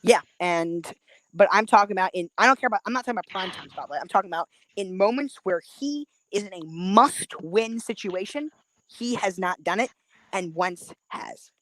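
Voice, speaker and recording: A man's voice: high-pitched, animated, normal speed, a bit bright, dry recording. A man co-hosting a sports podcast in casual debate, persistent and pushing his point.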